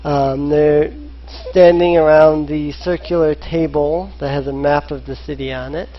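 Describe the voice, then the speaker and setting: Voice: mid-range voice, fairly even intonation, measured pace. A dungeon master narrating a tabletop game, hesitant and full of filler sounds, in a dull lo-fi recording.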